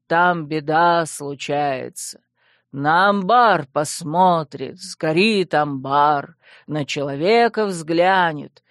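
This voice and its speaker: A woman voicing a fawning, solemn male skeleton servant, in a lowered, slow voice for an audiobook. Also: no echo, studio quality.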